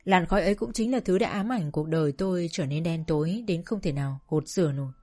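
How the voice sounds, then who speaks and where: A woman narrating a sad first-person story in a slow, sorrowful storytelling manner. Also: on the low side, a little mellow, soft background music.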